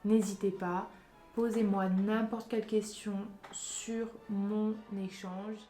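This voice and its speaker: A young woman from France talks in a chatty, emphatic vlog style, speaking directly to her audience at a medium pitch. Her voice bounces around a roomy, echoey space. Faint music plays underneath. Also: level tone, takes it slowly. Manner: chatty and emphatic, giving advice directly to viewers. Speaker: vlogger. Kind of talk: casual vlog chat.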